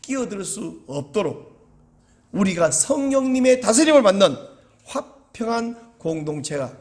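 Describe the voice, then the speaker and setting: A middle-aged man preaches a Sunday sermon in a fairly high voice. His pitch rises and falls widely as he leans into the voices he quotes, now sharp, now hushed. He keeps the steady address of a pastor speaking to his congregation. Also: a little slow. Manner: animated, acts out quoted voices.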